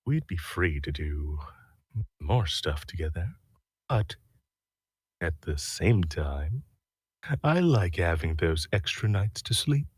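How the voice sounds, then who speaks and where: Low and husky, a man speaks slowly with long pauses yet sounds animated, recorded on a close mic with no echo. He's an ASMR voice actor reading a flirty roleplay script, chatting casually between takes and delivering the lines softly and flirtatiously.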